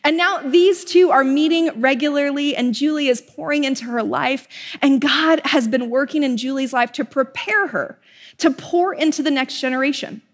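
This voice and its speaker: A woman in her thirties preaching an earnest, expressive sermon with emphatic repetitions, filmed in a bright studio. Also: sits high, moderate pace, in a large hall. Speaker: pastor. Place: bright studio with a large projected slide.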